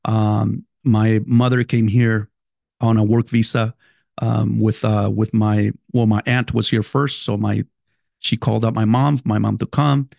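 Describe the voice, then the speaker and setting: A man's voice: on the low side, little pitch movement, a little slow, vocal fry, a little mellow, dry recording. Brief: male podcast host, 50s, Salvadoran Spanish accent, casual swearing monologue at his desk, dry close sound. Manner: loose, chatty, swears casually, talks straight to listeners.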